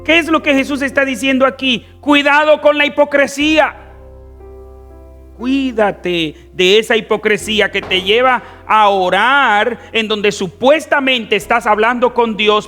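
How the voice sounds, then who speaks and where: A man with a Dominican accent preaching a fervent sermon as pastor, swinging between soft, drawn-out phrases and loud emphatic ones. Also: high-pitched, fairly even intonation, soft background music. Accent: Dominican Spanish. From Dominican Republic. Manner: fervent preaching with wide swings in loudness and stretched words.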